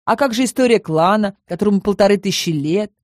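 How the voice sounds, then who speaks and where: Woman doing a doubtful, questioning young man in an audiobook, lively pitch, dry sound. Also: fast talker, dry recording, lightly acted. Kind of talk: audiobook reading.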